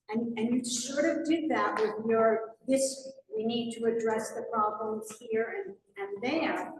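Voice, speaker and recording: An older woman, a former public policy maker, speaking firmly and in a measured, slightly lecturing way during public comment at a town meeting. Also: fairly high pitch. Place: fire department meeting hall. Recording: echoey hall from a distant mic.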